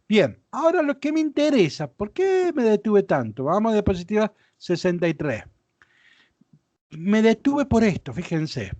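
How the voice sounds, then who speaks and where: A male Bible teacher walks his class through slides, explaining patiently and pausing to ask if everything is clear. His voice sits high and moves around a great deal in pitch. The sound is dry and close, with no room echo. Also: darkish tone. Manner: explanatory, checks understanding with questions. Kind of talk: lecture with slides.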